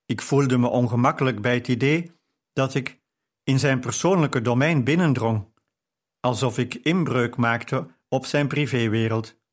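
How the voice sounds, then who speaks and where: A man reads a novel aloud in a calm, steady storytelling voice. He takes his time over each sentence, with an ordinary mid-range pitch. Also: a little slow. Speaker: audiobook narrator. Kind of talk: scripted narration.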